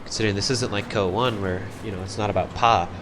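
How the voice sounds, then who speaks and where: A man's voice: fairly low pitch, steady tone, fast talker, music in the background. A man giving solo play-by-play commentary on a strategy game tournament, chatty and thinking aloud, often second-guessing himself. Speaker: game caster. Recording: loud game gunfire and artillery behind the voice.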